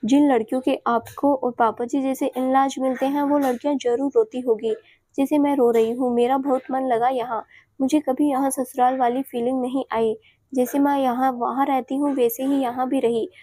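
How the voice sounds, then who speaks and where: A woman's voice: high-pitched, flat delivery, moderate pace, dark tone, no echo. A woman voicing an emotional, affectionate young newlywed woman, sweet and pleading in a storybook reading. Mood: tearful.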